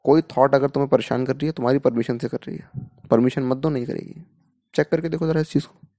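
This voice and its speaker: A man's voice: medium pitch, steady tone, fast talker, dark tone, no room sound, clean studio sound. A man coaching students in a talk, asking rhetorical questions and mixing in English words. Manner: explains with rhetorical questions, Hindi mixed with English terms. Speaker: mentor to exam students.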